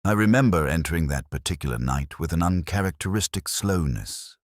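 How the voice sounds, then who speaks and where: Man playing Inspector Morse, very deep, pensive detective. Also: expressive, no echo, clean studio sound. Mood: pensive, melancholy. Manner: measured, reflective, literary. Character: pensive, melancholy male English detective inspector, bookish and observant. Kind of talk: scripted first-person mystery narration.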